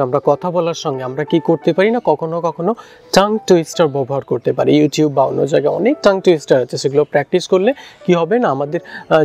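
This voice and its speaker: A man whose first language is Bengali, teaching spoken English in a relaxed, casual way with many fillers and restarts. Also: on the high side. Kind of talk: casual instructional talk.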